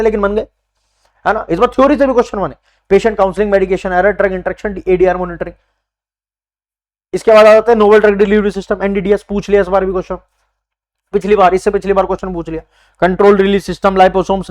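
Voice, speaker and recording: Young male exam coach, very high pitch, emphatic and repetitive, chummy with students. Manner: emphatic, repeats key points, addresses students as brother. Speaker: exam prep teacher. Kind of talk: informal coaching lecture.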